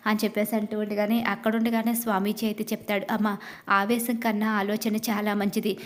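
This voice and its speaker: A woman narrating a recap of a TV serial episode, retelling scenes in long run-on sentences and reading the characters' dialogue in her own voice. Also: mid-range voice.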